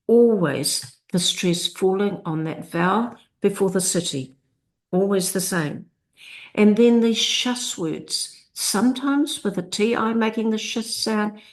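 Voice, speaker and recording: Slow, deliberate woman teaching literacy. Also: mid-range voice. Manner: slow, deliberate, sounds out word parts. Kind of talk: instructional screencast narration.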